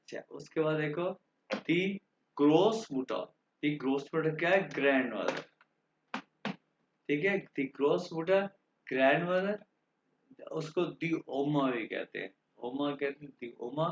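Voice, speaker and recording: A man's voice: a little high, unhurried, a little hiss or hum. A man teaching German grammar to a class, patient and repetitive, often checking that students understood. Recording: dull, roomy classroom recording.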